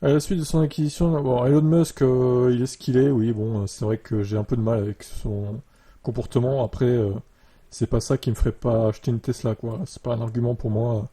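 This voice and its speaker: A casual man with a very dark, slightly husky voice, reading out article lines and answering them with loose, filler-heavy chat. His USB desk mic gives a muffled, bass-heavy sound. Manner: relaxed, many fillers, reads article lines then reacts. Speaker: YouTuber commenting on electric cars. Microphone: USB desktop mic.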